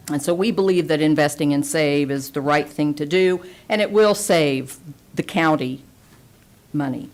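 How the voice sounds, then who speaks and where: A woman giving a prepared statement at a county budget hearing, laying out figures point by point in a measured way. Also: low-pitched. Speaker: community advocate at a budget hearing. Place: county meeting room.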